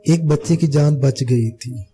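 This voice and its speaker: A man with a very dark, mellow voice reads a novel aloud for an audiobook. He narrates steadily, with a measured storyteller's delivery. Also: mid-range voice. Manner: steady storytelling, voicing all the characters.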